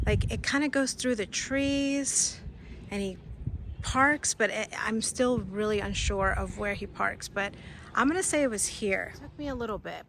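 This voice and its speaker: A woman's voice: mid-range voice, slight background noise. A woman vlogger giving a casual walking tour of film locations outdoors, talking tentatively and thinking aloud as she points things out. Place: outdoors on a residential street.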